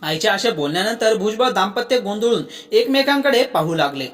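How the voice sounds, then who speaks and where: A narrator reading a story in steady scripted narration. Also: medium pitch, a little fast. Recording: soft background music.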